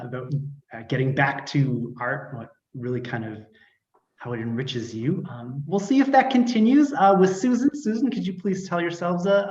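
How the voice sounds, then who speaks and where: A man hosting an art event and introducing the artists in a friendly way, with some fillers. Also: fairly high pitch. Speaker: event host. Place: arts centre gathering. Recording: dull roomy sound.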